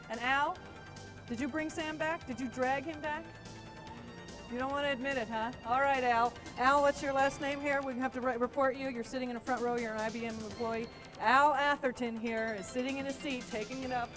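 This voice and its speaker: A woman presenting at a conference on stage, chatting playfully with the audience. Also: sits high. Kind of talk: live stage presentation with comedy skit.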